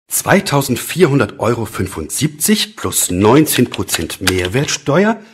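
A man playing a brisk, excitable office boss with emphatic, theatrical delivery in a scripted lesson dialogue. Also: lowish voice, a little hiss or hum. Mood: pleased, brisk.

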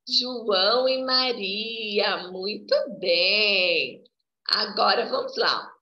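A woman preschool teacher with a Brazilian Portuguese accent, coaxing little children through a remote lesson in a slow, singsong way and saying "ó" again and again. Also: medium pitch, bright, forceful tone. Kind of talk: remote class for small children. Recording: echoey, dull lo-fi home video.

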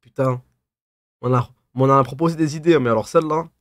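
A man's voice: mid-range voice, steady tone, brisk, no room sound, studio quality. A man in his twenties with a lisp on his s sounds, chatting casually and teasingly as he reads and answers livestream comments in slangy banter. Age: 20s. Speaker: live streamer. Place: small dim room at a desk.

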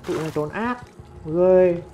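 A man commentating his own gameplay, excitable and talking back at the other players. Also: high voice, normal speed, slight background noise. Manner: excitable, talks and swears at on-screen opponents. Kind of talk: let's play commentary. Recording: game music playing under the voice. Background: game music and sound effects.

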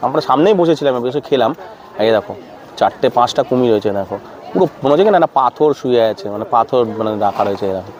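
Fast-talking man guiding a zoo walk. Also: mid-range voice, expressive, a little mellow. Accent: Bengali. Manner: points things out constantly, repeats "look here". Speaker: vlogger touring a zoo. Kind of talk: casual walking-tour commentary. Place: outdoors at a busy zoo. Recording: crowd noise outdoors. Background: crowd and animal sounds.

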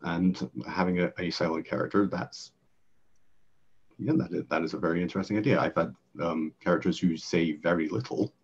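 A man on an online panel speaking in a deep voice, slowly and deliberately. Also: steady tone, dull audio, a little hiss or hum. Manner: slow, deliberate, measured phrasing. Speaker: panel speaker on game mastering. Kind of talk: casual panel talk.

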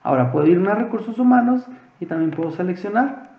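Mexican teacher, high male voice, patient step-by-step explainer, roomy and slightly muffled recording. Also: expressive, quick pace. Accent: Mexican Spanish. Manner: patient, explanatory, asks rhetorical questions. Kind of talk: screen-recorded spreadsheet tutorial.

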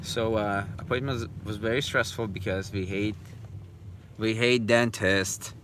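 A man's voice: lowish voice, fairly even intonation, unhurried. A man in his thirties chatting casually and teasingly, filming himself on a phone in a minivan. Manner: teasing, jokey. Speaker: father vlogging with family. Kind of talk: casual joking family chat. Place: inside a moving minivan. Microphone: phone at arm's length. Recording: loud car and road noise.

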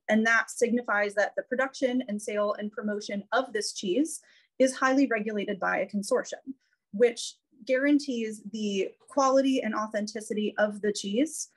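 A cheese educator gives a casual, educational slide presentation via video call, speaking in a slightly high voice through the call's microphone. The recording sounds rough.

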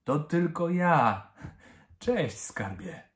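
A man voicing a merry father who likes pranks, in a children's story, speaking warmly. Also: a little high, sing-song, drawn-out words, roomy sound, exaggerated voice. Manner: merry, warm. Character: jolly joking father.

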